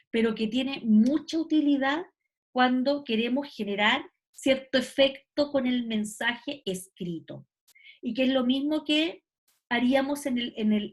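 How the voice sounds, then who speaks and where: A woman teacher gives an online class, explaining patiently and often checking that students follow. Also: fairly high pitch. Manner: explanatory, checks understanding with "¿cierto?" and "¿ya?".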